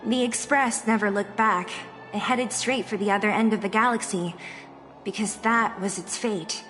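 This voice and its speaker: A woman's voice: fairly high pitch, a bit bright. A woman voicing a serious, guarded and earnest young woman in a video game. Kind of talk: English video game voice acting. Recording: long reverb, music behind.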